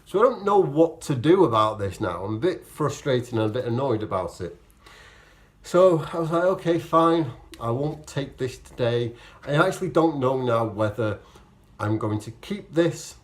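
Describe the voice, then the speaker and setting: A man's voice: medium pitch, expressive, normal speed. Casual male vlogger with a rambling delivery. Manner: rambling, self-correcting explanations with acted-out quotes of own thoughts. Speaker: vlogger, amateur marathon runner. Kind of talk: casual, chatty vlog to camera.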